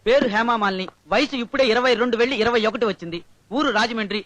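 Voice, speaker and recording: A cheeky young bachelor. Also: male voice, very high-pitched, fast, a bit bright, no echo. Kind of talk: 1980s Telugu film acting.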